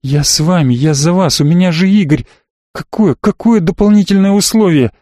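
A frightened, pleading young woman, put on by a male audiobook reader. Her anxious lines rise high above the reader's usual voice, in a dry, close recording. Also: moderate pace, darkish tone, no room sound.

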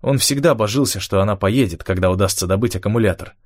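A man narrating an audiobook in a steady, measured first-person storytelling manner. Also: fairly low pitch, no room sound, studio quality.

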